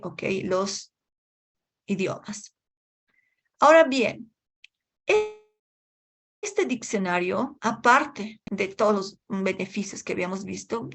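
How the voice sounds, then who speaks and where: Slow-talking woman teaching English. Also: mid-range voice, a bit bright. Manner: unhurried, checks in often with "¿no?" and "ok"; switches between English words and explanation. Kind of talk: online class lecture.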